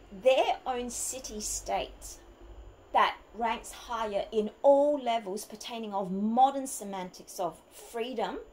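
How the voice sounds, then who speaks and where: A woman's voice: mid-range voice, darkish tone, a little hiss or hum, poor audio. A woman from Australia, delivering an argumentative opinion monologue full of rhetorical questions. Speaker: vlogger.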